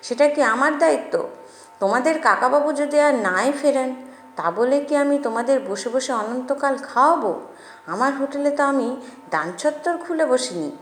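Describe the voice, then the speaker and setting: A woman's voice: high voice, lively intonation, moderate pace, reverberant, faint music behind, voice pushed up. A woman voicing a grumpy, stingy older male hotel manager who blusters and scolds. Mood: blustering.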